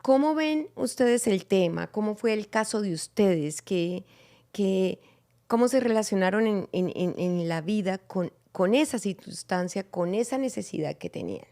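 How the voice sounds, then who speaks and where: Lady hosting a church talk panel, calm and thoughtful, asks her guests stuff. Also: medium pitch. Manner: reflective, measured questions to guests. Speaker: podcast host.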